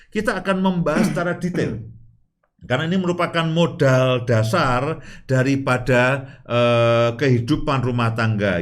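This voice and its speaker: A medium-pitched man co-hosts a show about marriage alongside his wife, giving step-by-step instructive talk. He starts many lines with "nah" and laughs readily while teasing her.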